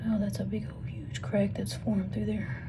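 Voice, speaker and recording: Sorting stones for her rock tumbling vlog, a Missouri woman speaks casually and off the cuff, half to herself. She's losing her voice and frequently drops to a whisper, talking at medium pitch with a flat delivery and moderate pace over noisy room ambience.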